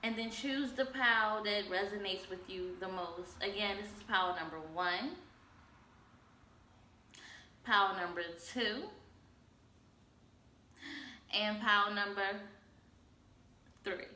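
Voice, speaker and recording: A woman's voice: medium pitch, a little slow, pauses often, pushed and bright, slight background noise. A woman giving a casual, chatty tarot reading to viewers, tired from being up late. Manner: chatty, slangy, addresses viewers as y'all. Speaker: tarot reader. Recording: echoey room, faint ambience.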